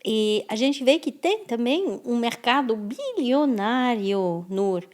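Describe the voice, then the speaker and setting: A woman's voice: a little high, sing-song, takes it slowly, a little mellow. A French-born woman speaking as a guest in an interview, thoughtful and often restarting her words. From France. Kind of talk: conversational interview.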